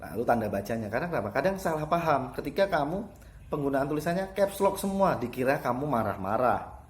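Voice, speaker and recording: A man's voice: mid-range voice, sing-song, a little fast. A man teaching students in an online lesson, explaining each point and repeating the key terms.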